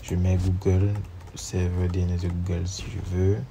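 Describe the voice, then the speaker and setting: At a moderate pace, a low-pitched, monotone voice that is both gravelly and warm guides a screen-recorded tutorial. The speaker is a networking instructor with a cold who reads each command aloud and spells out numbers as he types, with slight background noise.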